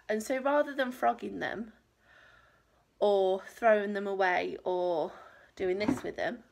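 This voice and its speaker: A crochet vlogger in her thirties talks casually to camera from her small home craft room, rambling and self-deprecating. A cold has left her nose stuffy, so she sounds a little nasal, and her medium-pitched voice is gravelly and a bit bright.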